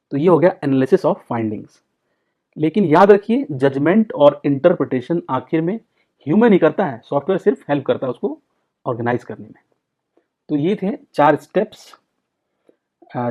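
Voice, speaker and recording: Man giving an exam-prep lecture, lo-fi. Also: on the high side. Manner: explains in Hindi mixed with English terms, repeats key points. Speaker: psychology tutor. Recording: dull, lo-fi sound.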